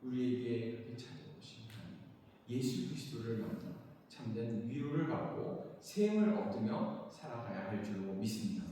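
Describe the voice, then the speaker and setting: A man, the pastor, preaching a sermon and telling a story with sudden swings between loud and soft. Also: mid-range voice, expressive, normal speed, slight background noise. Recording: echoey church hall from a distance.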